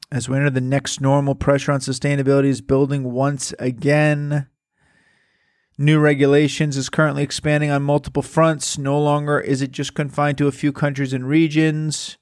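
A man's voice: a little high, normal speed, smooth, no echo, clean studio sound. A man hosting a show, commenting casually and emphatically while reading a study aloud. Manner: animated, emphatic, repeats words for stress. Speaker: podcast host.

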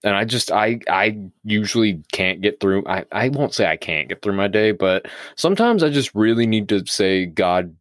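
A man's voice: lowish voice, animated, normal speed, few pauses, no echo, clean studio sound. A man co-hosting a podcast in casual chat, blunt and profane as he tells stories. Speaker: podcast co-host.

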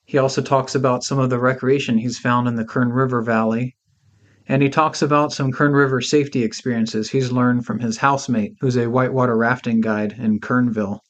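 A man hosting a podcast, reading a scripted introduction in a measured, informational way. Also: medium pitch, fairly even intonation. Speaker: podcast host.

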